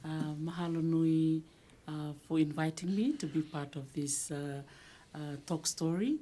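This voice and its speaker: A woman speaks softly on a video call, with a notably low pitch for a woman. She tells her story as a panelist at an unhurried, pausing pace. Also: a little hiss or hum. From Fiji. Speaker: museum studies scholar, panelist. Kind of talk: conversational panel talk.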